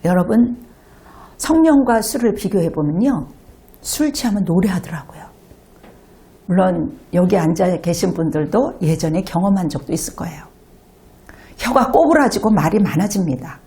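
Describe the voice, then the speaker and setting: A woman pastor giving an animated sermon to a congregation in a church, sometimes acting out children's voices. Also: on the low side, moderate pace. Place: church sanctuary.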